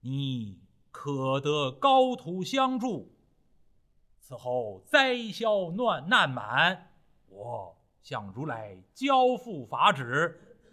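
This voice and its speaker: A man voicing a solemn male deity who speaks slowly and gravely from the sky. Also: a little high, huge pitch swings, pushed and bright, heavily acted. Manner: slow, grave proclamation.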